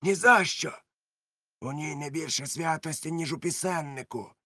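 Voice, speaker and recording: A man voicing a crafty one-legged pirate cook who leads the crew, switching between shouted threats and sly, soft mockery, in an audiobook reading. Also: fairly high pitch, steady tone, moderate pace, dry recording, clean studio sound, voice pushed up.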